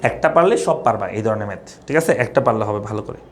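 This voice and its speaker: A man's voice: lowish voice, lively intonation, very fast, a little hiss or hum. A young man from Bangladesh teaching an economics class online, repeating points and asking students questions. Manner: repetitive, asks students questions.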